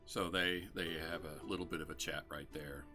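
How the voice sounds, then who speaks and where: A man's voice: low-pitched, fairly even intonation, moderate pace, over music. A man narrating a tabletop game as game master, in a loose, rambling style.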